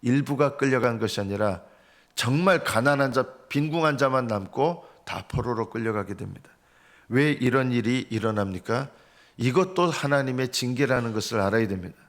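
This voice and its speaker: An earnest male pastor preaching a dawn sermon in a church. His voice sits at an ordinary middle pitch. He rises into emphatic cries, then falls back to hushed, low remarks. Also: animated, normal speed. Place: church sanctuary.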